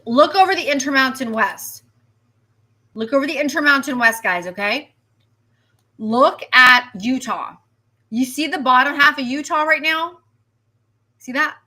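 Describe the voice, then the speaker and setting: A woman meteorologist giving a live weather stream, animated and chatty, repeating herself and reacting to viewer comments. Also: high-pitched.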